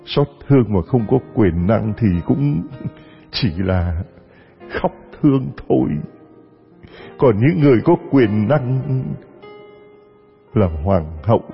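Guy doing an old nurse lady sobbing and wailing, storybook, soft music behind. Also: medium pitch, animated, takes it slowly, creaky, pauses often. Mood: sobbing lament. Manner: wailing, tearful lament. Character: old nurse woman, grieving, tender, lamenting. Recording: dull audio with long reverb.

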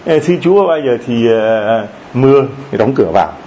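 A man preaching to his congregation, his pitch swinging up and down as he jokes and asks questions. The recording is dull and lo-fi, with a faint hiss behind his voice. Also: animated, moderate pace, dark tone. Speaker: priest. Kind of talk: sermon.

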